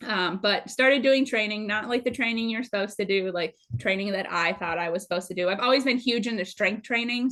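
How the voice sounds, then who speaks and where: A woman's voice: medium pitch, fairly bright tone. A woman in her late thirties from Minnesota, a guest telling her running story in a bubbly, self-deprecating way. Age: 30s. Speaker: guest runner. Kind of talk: casual interview storytelling.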